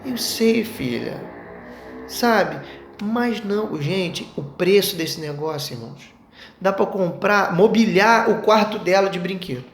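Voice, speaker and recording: A man's voice: high-pitched, animated, slow, creaky. A young Brazilian man teaching a Sunday school Bible lesson, chatting with the class and asking it rhetorical questions. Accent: Brazilian Portuguese. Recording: echoey room with faint noise.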